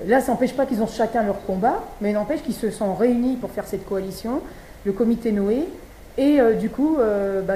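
A woman's voice: medium pitch, dark tone. A woman from Brittany giving a conversational talk at a conference, with frequent fillers and restarts. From Brittany, France. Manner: chatty, many fillers and restarts. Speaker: speaker at a vegan event. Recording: echoey room, faint background noise.

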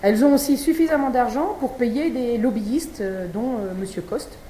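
A woman's voice: on the high side, moderate pace, warm tone. A woman from Brittany giving a conversational talk at a conference, with frequent fillers and restarts. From Brittany, France. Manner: chatty, many fillers and restarts. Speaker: speaker at a vegan event. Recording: echoey room, faint background noise.

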